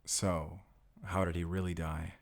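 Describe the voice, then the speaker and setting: A man with a low, flat voice, speaking a little slowly, plays a young, sheltered and earnest vampire slayer in a cinematic audio roleplay. He talks in an intimate, conversational way, sounding wary.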